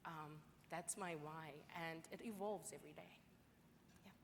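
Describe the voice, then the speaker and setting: A woman's voice: deep voice, a little slow, vocal fry, a little hiss or hum. Heartfelt woman from Zimbabwe. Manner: heartfelt, personal. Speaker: client support services manager, panelist. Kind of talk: panel self-introduction. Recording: reverberant hall with faint ambience.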